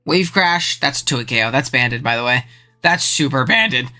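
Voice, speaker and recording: Excitable casual stream commentator. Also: unhurried, faint music behind. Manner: excitable, slangy, voice jumps high when thrilled. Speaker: streamer commentating a video game league.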